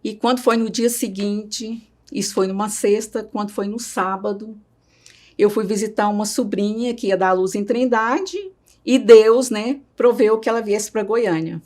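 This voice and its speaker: A woman's voice: medium pitch, unhurried, darkish tone. A middle-aged woman with a Brazilian Portuguese accent, telling a personal story as an interviewee with much feeling and often tagging her sentences with a questioning "right?". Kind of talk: personal testimony.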